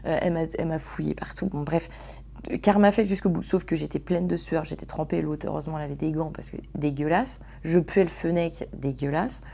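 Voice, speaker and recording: A woman hosting a casual storytelling podcast, slangy, swearing and animated as she talks to her listeners. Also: low-pitched, a little fast, creaky. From France. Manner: slangy and swearing, addresses listeners as "les gars". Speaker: podcast host.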